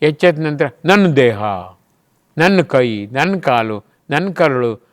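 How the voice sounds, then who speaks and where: A middle-aged man giving a devotional talk, acting out quoted voices and swinging between soft and loud delivery. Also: fairly high pitch, lively intonation, takes it slowly. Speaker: spiritual speaker.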